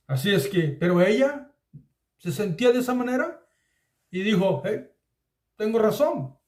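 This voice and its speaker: A man's voice: high-pitched, darkish tone, reverberant. A man teaching a Bible study sermon in Spanish, earnest and addressing his listeners as beloved.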